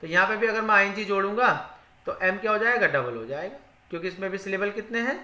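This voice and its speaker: A high-pitched, fast-talking man with a pushed, bright voice teaches English spelling rules in a spoken grammar lesson. He repeats every rule in Hindi and answers the questions he poses, recorded in an echoey room.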